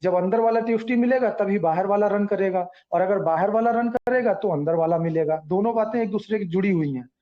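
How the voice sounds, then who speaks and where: A man's voice: high voice, fairly quick, hardly any pauses, muffled recording. A man speaking earnestly at a community meeting, explaining points at length and reassuring listeners, in a repetitive way.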